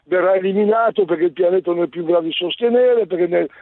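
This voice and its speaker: Rambling caller on a tinny phone line. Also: male voice, high-pitched, fast talker, no echo. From Lombardy, northern Italy. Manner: rambling, insistent, talks over hosts. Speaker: caller, truck driver. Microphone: telephone.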